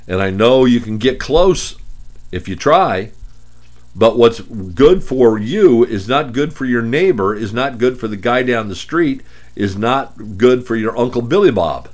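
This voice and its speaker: A man hosting a radio show on money and retirement, talking emphatically and firing off repeated rhetorical questions. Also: mid-range voice. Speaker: radio financial advice host. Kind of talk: radio talk monologue.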